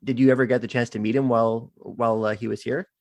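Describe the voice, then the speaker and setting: A man's voice: mid-range voice, flat delivery, quick pace, creaky, a little mellow. A man hosting a soccer podcast, introducing and interviewing with eager, loose phrasing. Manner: enthusiastic, loose with "um" and "like". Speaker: podcast host.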